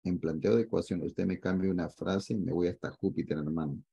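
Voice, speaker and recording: A man teaching math in an online class, joking with his students and asking often whether it is clear. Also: low voice, steady tone, brisk, dark tone, no room sound, lo-fi sound. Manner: joking, teasing, asks students to confirm often.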